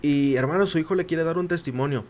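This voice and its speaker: A young man, a podcast guest telling a personal story. He acts out the quoted voices and turns quiet at the emotional parts. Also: a little high, quick pace, slight background noise. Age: young adult. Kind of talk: casual storytelling.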